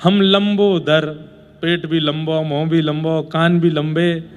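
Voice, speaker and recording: A man's voice: on the high side, flat delivery, slow pace, voice pushed down. A man doing a sulky pot-bellied elephant god. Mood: demanding. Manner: grumbling, stubborn.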